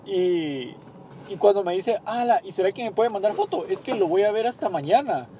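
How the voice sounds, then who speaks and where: Young Guatemalan man, co-host, high animated voice, playful storyteller in a car. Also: moderate pace, slight background noise. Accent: Guatemalan Spanish. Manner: storytelling, acts out quoted dialogue, joking. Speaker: podcast co-host, small bakery owner. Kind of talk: casual chat. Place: inside a car, parking.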